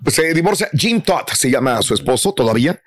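A man's voice: mid-range voice, fairly quick, soft background music. A man with a Mexican accent hosting a casual entertainment talk show, teasing and leading the topics. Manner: lively, teasing, leads topics. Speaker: radio show host.

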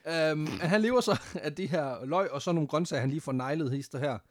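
A man's voice: a little high, no echo, studio quality. A man casually telling a history story on a podcast, laughing often and swearing freely, with English phrases mixed in.

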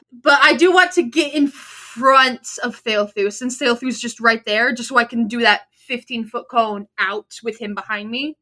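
Female tabletop player; high, bright voice, casual game chat.

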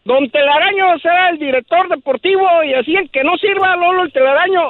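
A man's voice: very high-pitched, a little fast. A man calling into a comedy podcast, blunt and teasing. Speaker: caller. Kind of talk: comedic phone call. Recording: tinny phone line with noise.

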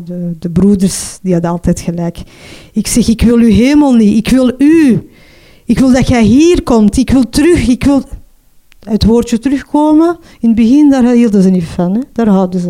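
A middle-aged Flemish woman giving a personal testimony in an earnest, halting way, often ending with a questioning tag. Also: medium pitch, dark tone. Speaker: mother telling her story.

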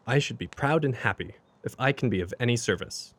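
A man playing a warm-hearted, loyal gentleman doctor in an audio drama, courteous and expressive. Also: mid-range voice, fairly quick. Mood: admiring, eager.

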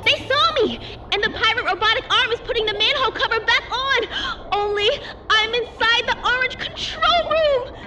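A woman's voice: very high-pitched, normal speed, very noisy. A woman playing an anxious, dutiful young kid hero who nervously reports each step in a children's audio adventure. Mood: urgent.

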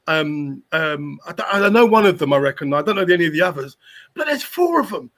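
Man, high-pitched voice, emphatic, rhetorical repetition, opinionated panel talk. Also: big pitch swings, brisk, a bit bright. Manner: emphatic, rhetorical, repeats phrases for weight. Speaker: guest on a panel show.

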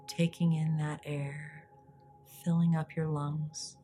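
A woman with a low voice leads a guided meditation over music. Her delivery is soft, breathy and soothing, moving very slowly and leaving long pauses between phrases. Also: level tone. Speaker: guided meditation podcast host.

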